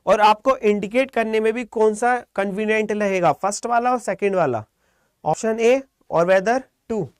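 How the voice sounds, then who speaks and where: A man teaching a live online shorthand class, calm and encouraging, quizzing students by name. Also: high voice, moderate pace, clear, resonant tone, no room sound, studio quality.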